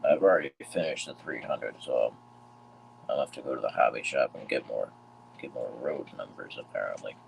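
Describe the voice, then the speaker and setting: A man with a very deep, gravelly voice, chatting casually and thinking aloud while he works on models during a livestream. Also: brisk, a little hiss or hum, low-quality recording. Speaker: livestream host building model trains. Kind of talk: casual chat while working.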